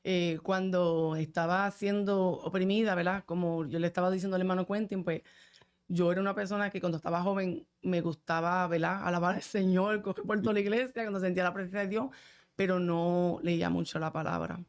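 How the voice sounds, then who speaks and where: A woman's voice: lowish voice, steady tone, a little fast, smooth. A woman pastor, sharing an earnest testimony in a casual conversation, with frequent asides to her listener. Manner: earnest, fervent, many filler asides. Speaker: pastor, guest.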